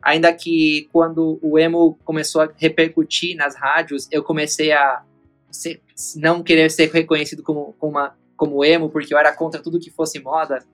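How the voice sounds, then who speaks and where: A man from Mexico, a musician guest talking about his music from his home in a busy city centre, in a lively, self-deprecating way. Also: fairly high pitch, normal speed. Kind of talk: casual interview.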